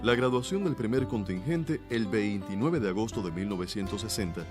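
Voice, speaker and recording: A man narrating a documentary in a formal, even scripted delivery. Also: on the low side, brisk. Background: guitar music.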